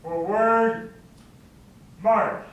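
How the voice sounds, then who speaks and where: A man calling color guard drill commands in slow, drawn-out shouts, heard from away from the microphone. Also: sits high, steady tone, lo-fi sound. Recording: far from the mic.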